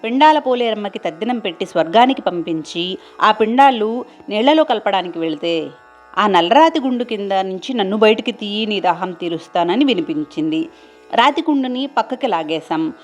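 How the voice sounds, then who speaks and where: Brief: woman reading a silly, excitable boy disciple for radio, eager patter. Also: medium pitch, normal speed, faint music behind, natural voice. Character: foolish male disciple, excitable young man.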